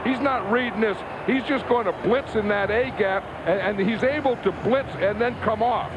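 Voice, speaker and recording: Guy w a high voice doing color commentary live at a football game, explains stuff emphatically, super noisy stadium behind him. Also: normal speed. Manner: emphatic, explanatory, repeats phrases. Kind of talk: live game analysis, conversational. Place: live at an indoor stadium event. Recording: loud stadium noise behind. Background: loud crowd and stadium din.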